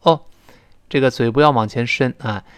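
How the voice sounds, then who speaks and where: A man teaching English pronunciation, explaining sounds step by step to listeners and drawing out example words slowly. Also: mid-range voice, no echo.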